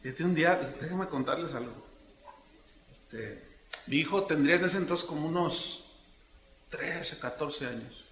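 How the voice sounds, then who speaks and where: Animated middle-aged Mexican pastor, echoey hall. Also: male voice, on the high side, unhurried, pauses often. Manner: animated storytelling, acting out dialogues in different voices. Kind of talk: conversational sermon. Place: church congress hall.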